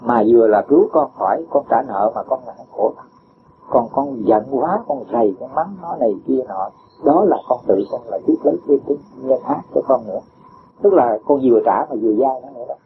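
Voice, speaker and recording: Brisk and animated, a man with a mid-range voice gives a dharma talk as a Buddhist teacher replying to a disciple. He explains patiently using homely examples and chuckles often. Faint hiss colors the dull, lo-fi audio.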